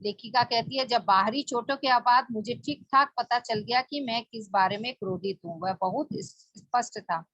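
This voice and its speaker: A woman's voice: a little high, fairly bright tone, no echo. A woman leading a spoken book study, explaining plainly with rhetorical questions. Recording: dull lo-fi dry recording.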